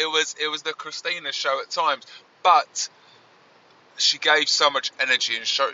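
A podcast host talks in an earnest, rambling way from inside a moving car. His voice has a very bright, sharp edge and comes through fuzzy and distorted. Faint road noise hums beneath it. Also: mid-range voice, recorded from a distance, lo-fi sound. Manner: reflective, earnest, rambling restarts. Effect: fuzzy distorted sound. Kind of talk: casual spoken monologue. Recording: distorted, noisy in-car recording. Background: faint road and engine noise.

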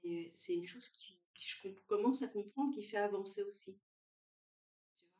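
A woman chatting at a brunch, lively, often acting out what others say. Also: mid-range voice, normal speed, recorded from a distance. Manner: animated, acts out what others say. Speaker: guest sharing her story. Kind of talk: casual chat. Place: room at a brunch. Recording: roomy sound, away from the mic.

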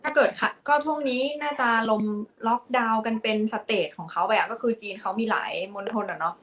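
A woman's voice: fairly high pitch, lively intonation, a little fast, a bit bright, a little hiss or hum. A woman who is a podcast guest, chatting and telling a story in a casual podcast talk.

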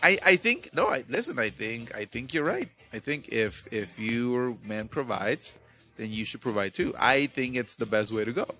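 A man's voice: mid-range voice, animated, moderate pace, bright, forceful tone. A man of Mexican background hosting a podcast, chatting casually, laughing and joking and often repeating himself. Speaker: podcast host. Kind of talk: casual chat.

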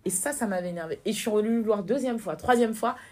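In a personal, candid interview, a young woman with a medium-pitched voice talks fast. She comes across as earnest, livens up while recounting, and repeats words for emphasis.

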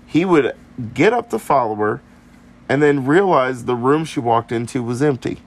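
A man with a gravelly, middle-pitched voice tells a haunted-house story in a loose, chatty podcast way. He keeps things playful and now and then breaks into goofy put-on voices for the people in the tale. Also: expressive, normal speed. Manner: playful, drops into silly voices for quoted people. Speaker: podcast co-host.

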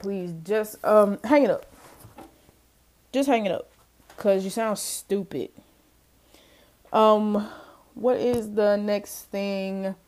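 This young adult podcast host has a mid-range, darkish voice. She's on her own show, chatting informally with listeners and breaking into laughter often.

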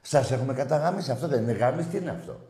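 A man in a profane, mocking rant at a rival football club's fans, swinging between loud shouts and low jeers. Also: animated. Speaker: football fan ranting. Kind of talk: profane monologue. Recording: roomy echo.

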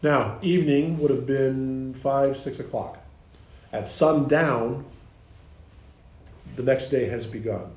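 A man's voice: medium pitch, slow pace, long pauses, a little mellow. A man leading a group Bible study, explaining the text with restarts and questions to the group. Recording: echoey room with faint ambience.

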